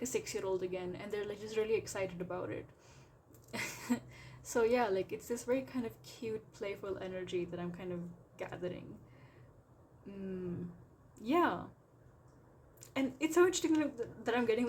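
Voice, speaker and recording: A woman's voice: mid-range voice, a little mellow, a little hiss or hum. A woman giving a casual tarot reading, talking in a rambling, chatty way packed with filler words. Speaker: tarot reader.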